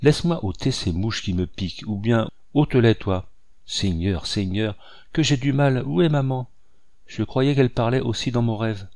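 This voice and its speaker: A man voicing a sick, feverish little girl who talks in a soft, plaintive way. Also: mid-range voice, normal speed, no echo, studio quality, natural voice.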